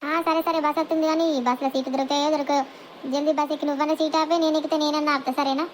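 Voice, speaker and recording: A high voice doing a boastful Telangana village auntie. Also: flat delivery, lightly acted. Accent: Telangana Telugu. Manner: brash, gossipy, quick banter. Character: chatty middle-aged village woman, boastful. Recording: faint background noise.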